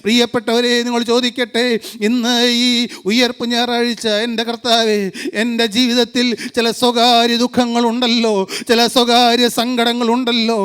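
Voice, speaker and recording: A man's voice: very high-pitched, monotone, normal speed, fairly bright tone, clear, resonant tone. A man preaching an impassioned gospel sermon, pleading with his listeners and calling them beloved again and again. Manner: fervent, pleading, repeatedly addresses listeners as beloved.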